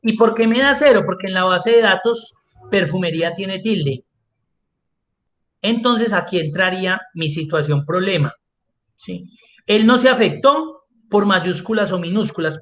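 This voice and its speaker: A man's voice: high-pitched, normal speed, a bit bright, a little hiss or hum. A man teaching an online class as an instructor, explaining step by step and answering his own questions. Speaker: Excel instructor.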